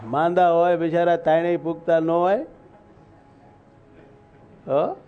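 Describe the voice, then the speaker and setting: A male preacher, telling a devotional story in folksy talk and slowly chanting verses. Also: a little high. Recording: dull lo-fi recording with faint music.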